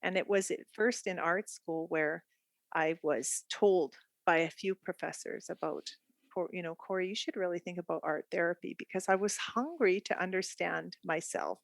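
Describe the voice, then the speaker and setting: This guest art therapist, a middle-aged Canadian woman with a Canadian accent, chats openly and reflectively in a podcast interview, laughing easily. She has a lowish, creaky voice at normal speed, heard in a dry recording.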